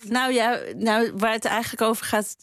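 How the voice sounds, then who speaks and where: Sex: woman. Role: film director guest. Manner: hesitant, many pauses. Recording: very dry studio sound. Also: a little high, fairly even intonation, fairly bright tone, dry recording. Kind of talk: casual radio chat.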